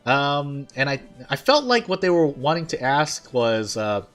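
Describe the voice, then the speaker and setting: Casting: male gaming streamer, mid-pitched, overbite articulation, rambling off-the-cuff commentary, music underneath. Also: big pitch swings, unhurried, fairly bright tone. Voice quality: slight lisp-like articulation from an overbite, teeth catching the lip. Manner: rambling, thinking aloud. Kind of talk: casual rambling game commentary. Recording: game music behind the voice. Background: game music.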